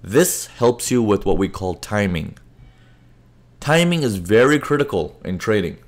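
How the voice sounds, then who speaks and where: A man with a fairly low voice walks webinar viewers through price charts in a relaxed, conversational way. He keeps asking if they follow along. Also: unhurried. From Indian parents, raised in several countries. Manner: conversational, checks in with the audience often. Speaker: forex trading webinar presenter. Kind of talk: live webinar teaching with chat questions.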